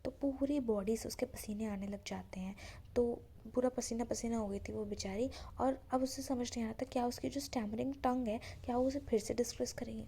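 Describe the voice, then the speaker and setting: A woman teacher explains a story line by line in a relaxed way. She often drops into half-whispered speech. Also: a little high, normal speed, creaky, slightly rough. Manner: relaxed, retells each line and explains it, often says "you know". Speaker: English teacher.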